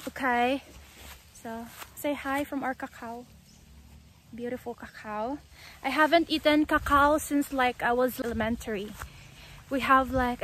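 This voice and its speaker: Out on a rural farm, a high-voiced Filipino woman in her young adult years films a spontaneous vlog on a phone held at arm's length. She mixes English and Filipino languages as she talks. Her voice is a bit bright, and there's slight background noise.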